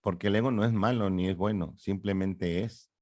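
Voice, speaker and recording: A middle-aged man speaks in a lowish voice, lecturing with lively rhetorical questions. The sound is close and dry, with no room echo. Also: normal speed. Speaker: psychologist guest. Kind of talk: explanatory interview talk.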